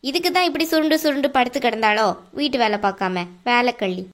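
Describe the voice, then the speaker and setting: A woman voicing a sharp-tongued, nagging middle-aged mother-in-law in a cartoon, scolding and mocking. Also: a little high, expressive, quick pace, natural voice. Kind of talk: cartoon voice acting.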